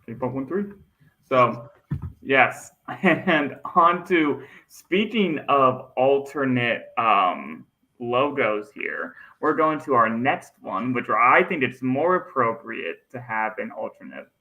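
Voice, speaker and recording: Man co-host, bright tone, relaxed kit-review banter, laughs easily. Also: medium pitch, takes it slowly, dull audio. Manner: easygoing, laughs often, trails off with ums. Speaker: podcast co-host. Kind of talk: casual soccer kit review chat.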